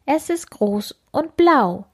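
A woman's voice: high-pitched, animated, takes it slowly, pitched above the performer's own voice. A woman voicing a small, kind and caring strawberry fairy in a storybook reading, speaking up in a raised, eager voice.

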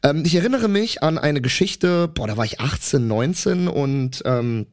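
A man's voice: a little high, normal speed. A man in his twenties co-hosting a podcast who tells an anecdote with lots of fillers. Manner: rambling, many fillers, animated anecdote. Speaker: podcast co-host. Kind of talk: casual chat storytelling.

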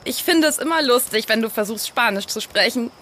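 A cheerful, teasing woman with a very high voice and a pitch that moves a lot. She co-hosts and acts in a scripted audio story, with a faint hiss of noise behind her. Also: lively intonation, a little fast, a bit bright. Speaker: podcast co-host.

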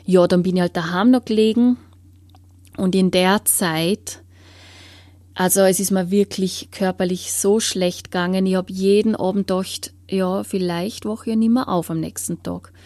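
A woman giving an earnest personal testimony in an interview, often sinking into a hushed whisper as she searches for words. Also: medium pitch, steady tone, moderate pace, no room sound.

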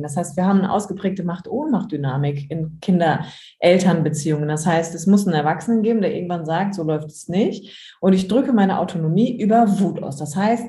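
A woman's voice: mid-range voice, mellow, roomy sound. A woman as a podcast interview guest, explaining reflectively with everyday examples and rhetorical questions. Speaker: interview guest, emotions coach.

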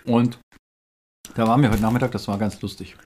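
A man's voice: on the low side, steady tone, fairly quick, darkish tone, a little hiss or hum. A middle-aged man chatting casually as a podcast host, with many fillers and restarts, into a podcast microphone. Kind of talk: casual family chat.

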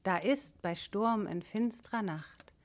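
A woman narrating a rhymed children's storybook in a measured, sing-song way. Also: mid-range voice, noisy background.

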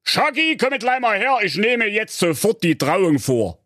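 A man's voice: high voice, big pitch swings, measured pace, a bit bright, no echo, studio quality, voice pushed up, heavily acted. A man putting on a ranting king. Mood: bossy. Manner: blustering, ranting. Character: choleric round old king, hot-tempered.

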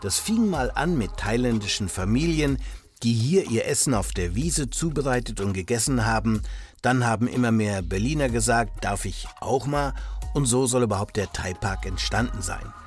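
A man's voice: mid-range voice, animated, moderate pace, faint music behind. Man narrating a food magazine. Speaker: host and reporter.

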